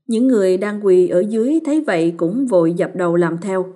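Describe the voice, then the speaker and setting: A woman narrating a ghost story as a storyteller, in a measured, solemn way. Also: mid-range voice, warm tone.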